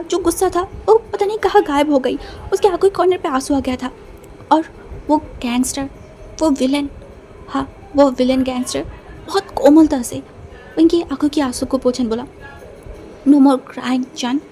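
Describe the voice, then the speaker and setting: A woman tells a story in a casual, chatty way and drops in fillers as she goes. Her voice is high-pitched, with a warm, mellow tone. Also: slight background noise. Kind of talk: casual fanfiction narration.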